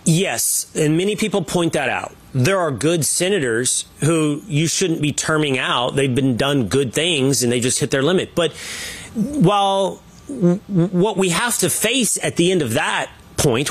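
Firm, opinionated man with a higher voice. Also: animated, a little slow, breathy edge. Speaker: co-host. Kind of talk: casual political debate.

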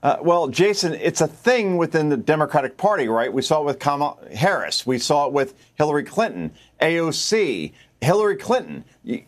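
A male pundit with a slightly high voice who argues his point assertively, now and then restarting a phrase mid-thought. He speaks as a contributor on a cable news panel. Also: big pitch swings, normal speed, hardly any pauses. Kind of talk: political commentary.

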